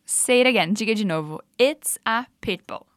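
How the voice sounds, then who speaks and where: A woman with a Brazilian Portuguese accent, an upbeat, encouraging English teacher running clear repetition drills. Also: mid-range voice, expressive, moderate pace, fairly bright tone, dry recording, clean studio sound. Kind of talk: language lesson with repetition drills.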